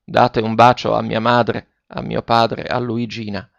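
Weak remorseful boy, faint and hushed, played by a male reader; dull dry audio. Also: lowish voice, little pitch movement, unhurried, vocal fry, no room sound. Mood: fading.

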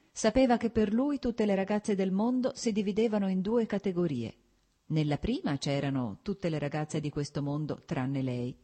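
A woman reads a novel aloud in a low, dark voice with a touch of huskiness. Her narration is steady, and she raises her voice for the characters' speech. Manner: reads dialogue in a raised, more animated voice than the narration. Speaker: reader.

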